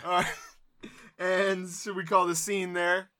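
An improv performer talking casually after a scene, laughing and loose. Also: male voice, sits high, flat delivery, measured pace, pushed and bright.

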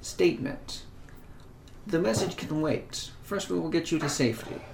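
A woman's voice: deep voice, normal speed, gravelly, background noise, pitched above the performer's own voice. A woman voicing an old, outdated but defiant robot in a tabletop game, stiffly announcing each kind of sentence before saying it. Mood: urgent, formal. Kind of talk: tabletop role-play.

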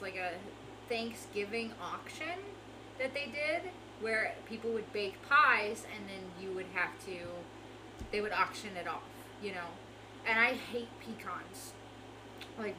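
A young woman co-hosting a casual podcast, telling a rambling story full of swearing and asides. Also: mid-range voice. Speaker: podcast co-host. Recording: noisy background.

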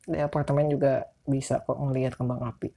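Male podcast host, Jakarta accent, dark mellow tone, can't roll his r's, loose and informal. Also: medium pitch, level tone, brisk, creaky. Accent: Jakarta Indonesian. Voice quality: speech impediment on r, cannot roll his r's. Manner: informal, rambling, self-deprecating. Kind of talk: casual solo podcast chat.

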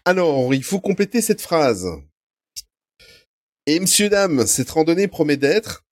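A man's voice: on the high side, unhurried, no echo. A man hosting a casual podcast quiz in a playful way, reading out questions and answer choices. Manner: animated, playful, reads quiz options aloud. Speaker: podcast host and quizmaster.

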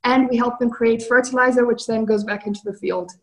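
A high-pitched female voice, company founder, prepared pitch presentation, structured and explanatory delivery. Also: fairly even intonation, a little fast.

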